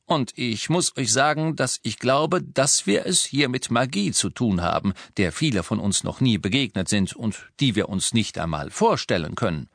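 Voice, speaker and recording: A man's voice: medium pitch, expressive, moderate pace, creaky, hardly any pauses, fairly bright tone, dry recording, studio quality. A man reading the part of a weary, guarded middle-aged werewolf teacher in an audiobook, his speech tense and clipped.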